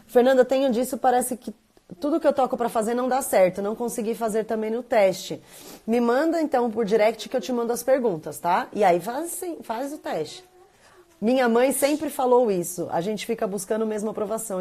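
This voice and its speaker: A woman in her thirties with a Brazilian accent, hosting a casual live stream, talking animatedly and reading viewer comments. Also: on the high side. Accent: Brazilian Portuguese. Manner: chatty and animated, quoting others in playful voices.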